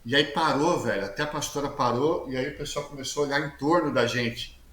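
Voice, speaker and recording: A man, a guest telling his testimony in a casual interview, talking loudly and acting out the dialogue he quotes with plenty of slang. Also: medium pitch, fairly quick. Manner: lively storyteller who acts out quoted dialogue, slangy; speaks loudly. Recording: echoey room with faint background hiss.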